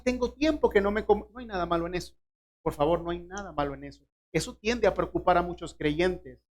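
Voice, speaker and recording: Man preaching, pressing the congregation with questions. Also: sits high. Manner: questions the listeners directly, acts out short biblical dialogues. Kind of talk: sermon.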